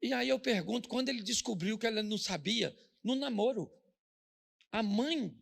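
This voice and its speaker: A man's voice: sits high, lively intonation, moderate pace, creaky, fairly bright tone. A middle-aged man with a Brazilian Portuguese accent, a pastor preaching a humorous sermon, joking and telling stories as he acts out the voices of the people in them.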